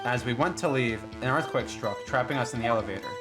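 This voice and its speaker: A man voicing a composed young male prosecutor who speaks in a measured, solemn way. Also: medium pitch, music in the background, close to an everyday voice.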